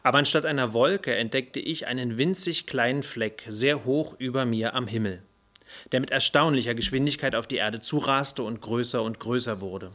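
A man reading a first-person audiobook story in an even, measured way. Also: medium pitch. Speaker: audiobook narrator. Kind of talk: first-person scripted narration.

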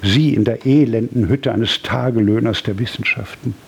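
A man reading an audiobook, voicing a pompous, ceremonious old professor who flatters with mock humility. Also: medium pitch, normal speed, vocal fry, husky. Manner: ceremonious, overly humble flattery.

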